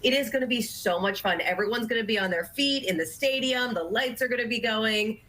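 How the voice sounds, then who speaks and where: A woman's voice: fairly high pitch, fairly quick, fairly bright tone. A woman guest in a TV interview, enthusiastic and upbeat, her voice a little worn. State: slightly losing her voice. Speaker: communications director guest.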